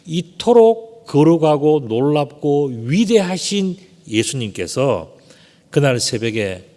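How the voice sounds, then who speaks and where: A man preaching a sermon as pastor, asking rhetorical questions and swelling dramatically on key words. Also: medium pitch. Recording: long church hall reverb.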